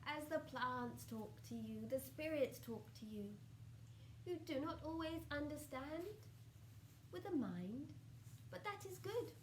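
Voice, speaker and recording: A loving, solemn spirit speaks through a woman in the manner of a seance medium in trance. The voice is very high and slow, stretching words and letting phrase endings fall to a hush. It sounds in a reverberant room, giving oracular guidance. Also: lively intonation. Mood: serene, solemn. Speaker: trance channeller answering audience questions. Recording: roomy echo with faint background noise.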